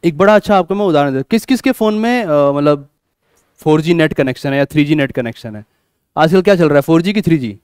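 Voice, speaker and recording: A man teaching a class, lively, asking questions and answering them himself. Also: high voice, smooth, dry recording, studio quality. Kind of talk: classroom lecture.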